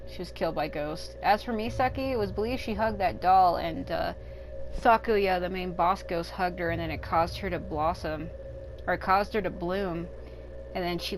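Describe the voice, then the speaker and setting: A woman in her thirties, speaking at home as a let's play gamer in casual, rambling gameplay commentary and thinking out loud. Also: lowish voice, a little hiss or hum, low-quality recording. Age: 30s. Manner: rambling and candid, thinking aloud. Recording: game music playing under the voice.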